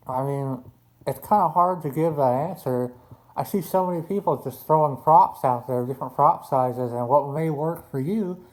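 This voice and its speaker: A mellow, dark-voiced man speaks casually, as in a hobbyist's video, at a middle pitch. His words come out thick and slightly slurred, as if his tongue is swollen. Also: rough recording. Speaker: RC boat hobbyist showing a build. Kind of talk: casual hobby vlog talk.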